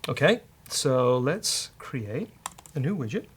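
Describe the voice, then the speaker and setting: Taking his time, a British coding show host talks at a medium pitch with big swings in intonation. He jokes and thinks out loud through a casual live walkthrough, and the recording picks up keyboard clatter and mouse clicks.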